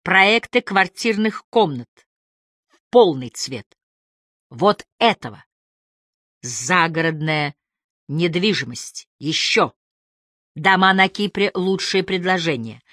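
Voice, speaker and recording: Lady narrating an audiobook, lower voice, shifts voices for the dialogue, dead dry sound. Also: lively intonation, slow, fairly bright tone, no room sound.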